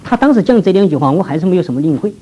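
Fast-talking man giving testimony. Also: sits high, animated, noisy background. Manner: vivid storytelling with big swings between hushed and raised passages. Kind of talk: testimony sermon.

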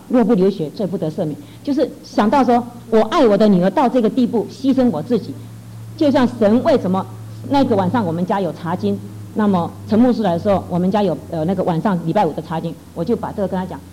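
A woman's voice: mid-range voice, mellow, slight background noise, poor audio. A middle-aged woman giving an earnest, emotional personal testimony, telling her story with many restarts. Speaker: church worker giving testimony.

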